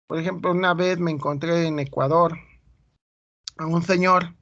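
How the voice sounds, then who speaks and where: A man's voice: a little high, steady tone, moderate pace, a bit bright, lo-fi sound. A Mexican man with a Mexican Spanish accent giving an informal math lecture, chatty and full of anecdotes. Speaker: teacher.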